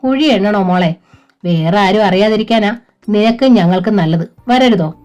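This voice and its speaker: A woman voicing a smooth-talking male recruiter who coaxes a girl over the phone. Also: mid-range voice, moderate pace, darkish tone, natural voice. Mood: coaxing. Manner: coaxing, persuasive.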